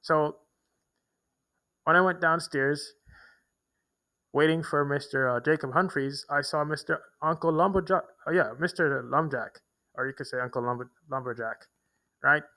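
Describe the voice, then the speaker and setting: Speaking to the camera from a big-city homeless shelter, a young male vlogger rambles through a lengthy personal story packed with restarts, fillers and repeated words. He has a fairly high, bright, forceful voice at a moderate pace with long pauses, captured on a low-quality recording.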